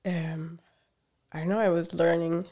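A woman from Hungary chats as an interview guest in a lowish voice. She talks hesitantly, with lots of fillers and small laughs, and sounds tired after a short night. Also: flat delivery, unhurried, mellow. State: tired from little sleep. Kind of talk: casual interview chat.

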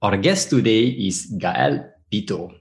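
A man's voice: on the low side, expressive, unhurried. A man hosting a podcast interview over a video call, chatting casually with some fillers. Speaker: podcast host. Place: home in Brussels.

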